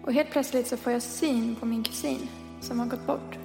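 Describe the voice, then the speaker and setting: A woman's voice: a little high, steady tone, over music. A woman in her twenties telling a personal story in a chatty way, full of fillers and acted-out dialogue. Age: 20s. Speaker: podcast co-host. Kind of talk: casual storytelling.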